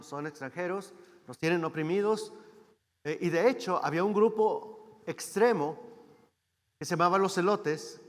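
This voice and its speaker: Guy from mexico preaching as a guest, kinda high voice, lots of "right?" to the congregation, long church echo. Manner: conversational, asks the congregation rhetorical questions. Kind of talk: sermon. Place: church hall.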